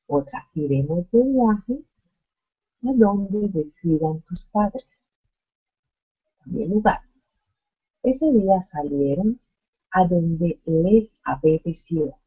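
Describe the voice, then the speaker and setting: A woman teaching an online grammar lesson, explaining slowly and reading out examples one by one. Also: fairly low pitch, breathy edge, narrow, tinny audio. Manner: slow, deliberate explaining with spoken examples. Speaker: Spanish teacher.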